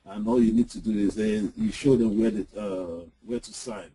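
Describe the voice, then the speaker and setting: A man's voice: on the low side, steady tone, normal speed, warm tone, a little hiss or hum, low-quality recording. A man co-hosting a marketing webinar, talking casually with many restarts and fillers. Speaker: webinar co-host.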